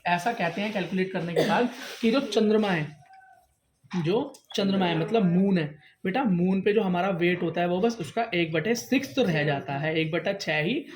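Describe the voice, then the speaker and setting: High-voiced male teacher quizzing his class. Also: normal speed. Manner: quizzes students, calls them "beta", answers his own questions. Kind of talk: classroom science lesson.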